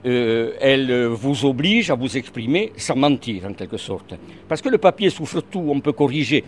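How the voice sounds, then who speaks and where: A man's voice: medium pitch, lively intonation, normal speed, slight background noise. An older man with a regional French accent, a radio columnist in an interview, hesitant with many fillers but earnest and emphatic.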